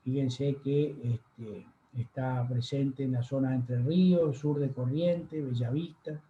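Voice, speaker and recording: Male lecturer, unhurried with fillers; roomy, slightly dull audio with faint noise. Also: medium pitch, fairly even intonation. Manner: unhurried, many fillers and pauses. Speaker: university lecturer. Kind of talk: online lecture over slides. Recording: echoey room, dull lo-fi sound.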